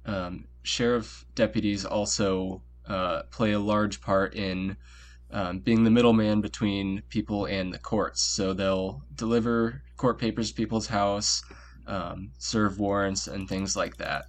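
A man's voice: lowish voice, fairly even intonation, unhurried, a little hiss or hum. A man co-hosting a podcast, explaining things in a laid-back way with many fillers, talking over a voice call. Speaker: podcast co-host. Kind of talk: casual chat on a call.

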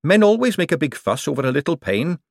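A man doing a brisk, dismissive young woman clerk. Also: on the high side, sing-song, gravelly, no room sound, clean studio sound, pitched above the performer's own voice, full character voice. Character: sharp young adult woman clerk, sisterly.

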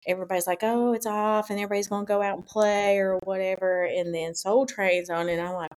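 A woman's voice: mid-range voice, flat delivery, fast, a little mellow, smooth. A middle-aged woman from Eastern Kentucky with an Appalachian accent, reminiscing casually in conversation. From Eastern Kentucky, United States.

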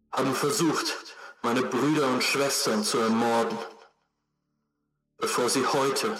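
A man voicing a male resistance leader who gives a slow, rousing speech to the citizens, heard over a radio set. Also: medium pitch, pushed and bright. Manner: solemn, rousing, slow oratory. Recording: echoey with faint music behind.

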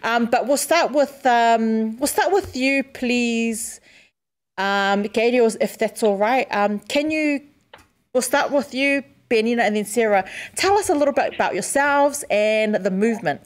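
A woman's voice: a little high, unhurried. A woman hosts a casual interview. She speaks respectfully, feeling her way through her sentences with frequent hesitations. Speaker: podcast co-host.

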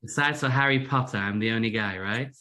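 Fairly quick and forceful, his bright, medium-pitched voice carries a Manchester accent with a little American in it. He is an English musician casually interviewed as a guest, self-deprecating and prone to repeating words.

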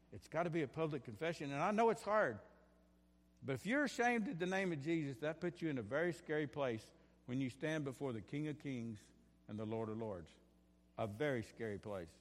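A man preaching a sermon as pastor, impassioned, swinging between bursts of fervor and quieter asides, often repeating his phrases. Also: fairly high pitch, long reverb tail. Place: church sanctuary.

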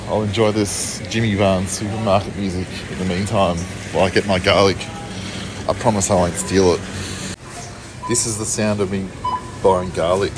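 A man's voice: sits low, noisy background. A man with an Australian accent rambling loosely, swearing casually as he walks and talks into his phone. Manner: profane, loose and laughing. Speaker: vlogger. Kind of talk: rambling walking monologue. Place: walking about, partly in a supermarket.

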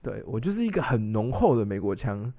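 A man's voice: lowish voice, very animated, a little fast, dark tone, dry recording, studio quality. A young man, co-hosting a podcast in casual chat, rambling with restarts and English phrases mixed in. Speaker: podcast co-host.

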